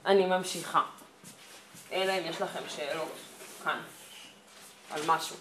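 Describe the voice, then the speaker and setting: A woman teacher talks her class through grammar points with patient, step-by-step explanations, her voice sitting a little low. She is picked up from across the room, so the classroom echo rings around her, with a faint hum of ambience underneath. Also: fairly even intonation. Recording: echoey classroom from far off.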